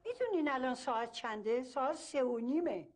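A woman's voice: high-pitched, animated. A stern scolding woman in charge. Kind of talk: TV drama acting.

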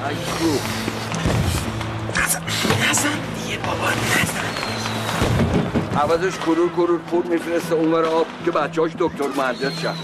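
An actor playing a bitter tenant moving house, who complains indignantly. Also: male voice, on the high side, fairly even intonation, pauses often, lightly acted. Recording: music score under dialogue.

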